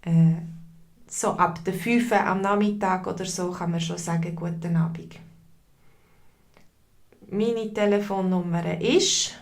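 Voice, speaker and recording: Slow, patient Swiss German woman teacher. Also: lowish voice, steady tone. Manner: patient, repeats slowly and greets chat viewers. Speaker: language teacher. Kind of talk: live online language lesson.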